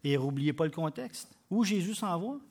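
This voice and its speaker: A man with a Québécois French accent preaching a sermon, emphatic, with loud bursts and quiet drops. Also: a little high, expressive, normal speed. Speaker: pastor.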